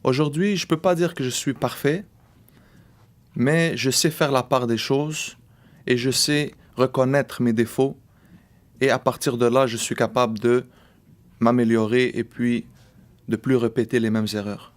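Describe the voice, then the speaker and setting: A man in his late thirties from Quebec, Canada, speaks with a Québécois French accent as he reflectively recounts his own life as a personal testimony. His mid-range voice stays steady in tone, measured and marked by small hesitations.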